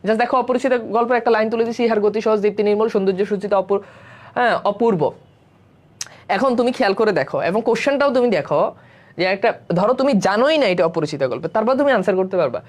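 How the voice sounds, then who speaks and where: A man's voice: high voice, lively intonation, fast. Man teaching a live online exam-prep class. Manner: explains step by step, often checks in with students; mixes English words into speech.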